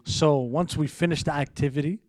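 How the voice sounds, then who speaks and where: A man co-hosting a podcast, telling a story in an easy, relaxed way. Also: on the high side, brisk, no echo. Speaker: podcast co-host, camp facilitator. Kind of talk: casual podcast chat.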